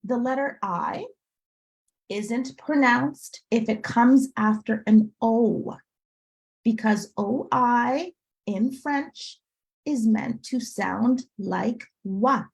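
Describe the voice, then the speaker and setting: Tutor lady on a zoom call, kinda high voice, upbeat, keeps asking okay?. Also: very slow, vocal fry, a little mellow, low-quality recording. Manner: upbeat teacherly, frequent "okay?" check-ins. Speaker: French tutor. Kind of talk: live online class for parents. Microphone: video call.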